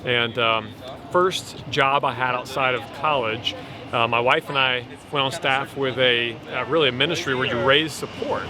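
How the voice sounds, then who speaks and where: A man answers an interview question in a thoughtful, measured way. His voice sits at a middle pitch. Clear outdoor traffic noise runs underneath. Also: steady tone.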